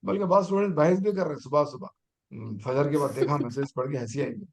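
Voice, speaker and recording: A man's voice: a little high, fast, a little mellow. A middle-aged man, a teacher trainer giving an online exam-prep lecture and urging his students on with rhetorical questions.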